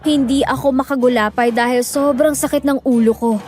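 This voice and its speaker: A woman tells a horror story in first person, with a measured, grave delivery and a slightly high voice. Faint music plays under the narration. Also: fairly even intonation, a little mellow.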